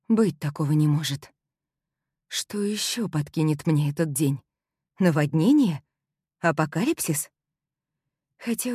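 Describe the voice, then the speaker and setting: A woman narrating a first-person novel in an audiobook, wry and expressive. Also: sits low, breathy edge, no echo, clean studio sound.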